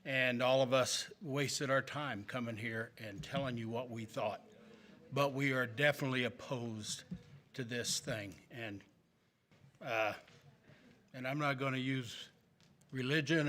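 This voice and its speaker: An older man giving public comment at a city council meeting, resigned and halting, with plenty of fillers. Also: medium pitch, pushed and bright.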